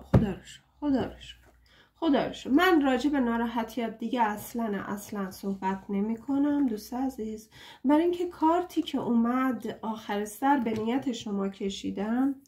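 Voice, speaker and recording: A woman's voice: a little high, darkish tone. A young woman giving a casual tarot reading, chatty and playful, joking at her own expense and pleading fondly with her listeners. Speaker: tarot reader.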